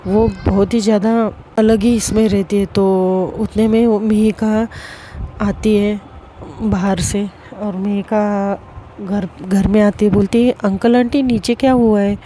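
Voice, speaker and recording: Slow, mellow young woman storyteller. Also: mid-range voice, little pitch movement, slight background noise. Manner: slow, deliberate, with frequent restarts. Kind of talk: serialized story narration.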